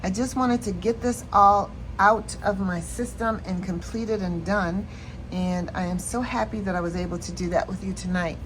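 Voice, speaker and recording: A woman casually walking through her savings challenges in a planner vlog, relaxed and chatty with many fillers, tired and yawning late at night. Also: mid-range voice, moderate pace, slight background noise. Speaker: planner and budgeting vlogger. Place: at home at night.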